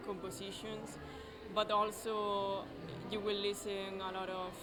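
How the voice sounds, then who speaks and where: Woman composer, flat delivery, careful and slow, loud music underneath. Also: mid-range voice. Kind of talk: interview answers.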